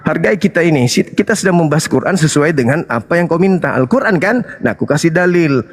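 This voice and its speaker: A man's voice: fairly high pitch, animated, fast talker, background noise. A man with an Indonesian accent hosting an interfaith debate, talking in a combative, challenging, rhetorical way. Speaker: religious debate host and apologist. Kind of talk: heated live debate monologue.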